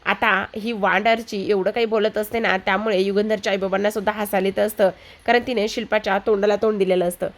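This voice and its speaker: A woman's voice: medium pitch, flat delivery, quick pace. A woman narrating a recap of a TV serial episode in a plain, conversational storytelling manner. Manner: plain, conversational retelling with fillers.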